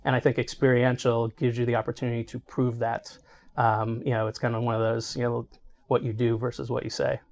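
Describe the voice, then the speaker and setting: A man's voice: medium pitch, level tone, fairly quick, vocal fry, a little mellow. A middle-aged man answering interview questions as an executive, explaining conversationally and often checking in with "right?". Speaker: healthcare marketing executive being interviewed.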